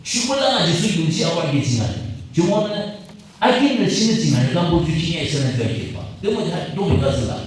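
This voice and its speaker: Male pastor, pulpit mic over church speakers, lively swooping delivery heard from a distance. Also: a little high, fast. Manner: animated preaching, mixing English terms into the local language. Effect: preaching over a pulpit microphone through the church loudspeakers. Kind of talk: sermon. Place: church sanctuary. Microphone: pulpit microphone. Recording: very echoey church hall, voice from a distance.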